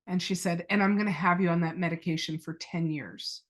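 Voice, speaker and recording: A woman's voice: on the low side, fairly even intonation, a little fast. Earnest middle-aged woman telling her story. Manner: earnest, retells conversations as quoted dialogue. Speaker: podcast guest. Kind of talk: personal storytelling in an interview.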